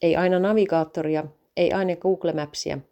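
Mellow low-voiced woman reading a story. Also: steady tone.

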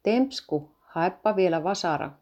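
A woman reading a patient father of two small children, with a gently coaxing manner. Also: fairly low pitch, expressive, natural voice.

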